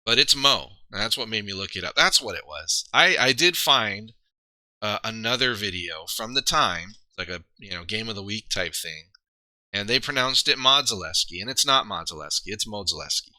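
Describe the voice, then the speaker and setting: A man on a live stream, chatting in a loose, rambling way and laughing at his own slips. His voice is very bright and forceful and a bit low for a man. It is recorded dry and close, with no room sound. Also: lively intonation, moderate pace, dry recording. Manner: rambling, self-deprecating, trails off and restarts. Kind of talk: casual live-stream commentary.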